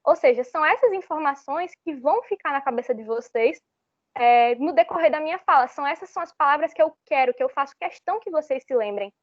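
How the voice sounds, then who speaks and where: A woman's voice: high voice, lively intonation, fast talker, no room sound. A young woman from Brazil giving an online public speaking lesson, explaining step by step and often restarting her phrases. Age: young adult. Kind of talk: online workshop lecture. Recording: slightly muffled, dull sound.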